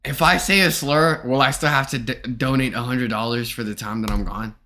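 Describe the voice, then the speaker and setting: A man's voice: medium pitch, brisk, pushed and bright. A young man chatting casually and ramblingly with his viewers as a live streamer, talking into his streaming mic. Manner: rambling and slangy, calls viewers bro and y'all.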